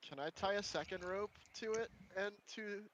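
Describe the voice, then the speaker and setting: Man, tabletop player, fairly high voice, eager, full of plans. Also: normal speed, heavy background noise. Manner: eager, throws out plans, says like a lot. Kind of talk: casual tabletop game chat.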